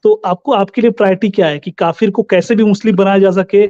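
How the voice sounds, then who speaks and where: A man's voice: high voice, mellow, dry recording, muffled recording. A man calling into a heated live debate, hesitant, often restarting and repeating his phrases. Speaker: caller in a debate.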